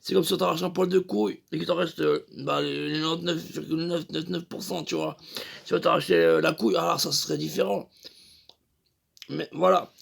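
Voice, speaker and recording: A man's voice: fairly high pitch, fairly even intonation, a little fast, gravelly, a bit bright, husky. A young man telling a crude, rambling comic story full of fillers. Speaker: comedian.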